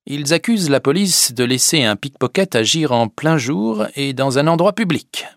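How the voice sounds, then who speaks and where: A man narrating a story with a slow, clear, deliberate reading. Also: a little high, expressive, dry recording, studio quality. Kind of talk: scripted audiobook narration.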